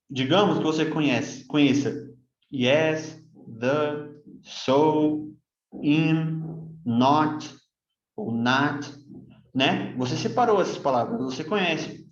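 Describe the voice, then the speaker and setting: A man teaching English from a Bible verse, with a Brazilian Portuguese accent, explaining slowly and patiently and repeating words for pronunciation. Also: fairly high pitch. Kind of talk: bible-based English lesson. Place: room near a construction site. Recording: echoey room, dull lo-fi sound.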